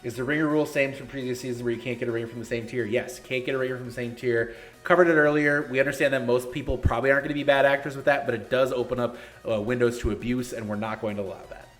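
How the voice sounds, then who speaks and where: A man's voice: mid-range voice, steady tone, racing, faint music behind. A man in his thirties hosting a casual live-stream Q&A for a gaming league, answering chat questions in a blunt, joking, sarcastic way. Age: 30s.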